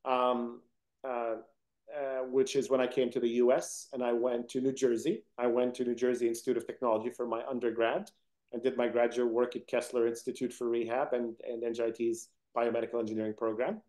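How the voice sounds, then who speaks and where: A man's voice: medium pitch, little pitch movement, fairly quick, darkish tone. A middle-aged man, raised in Egypt and Sudan, telling his story as a guest in an interview in an earnest, determined way. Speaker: interview guest, company founder. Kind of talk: conversational interview.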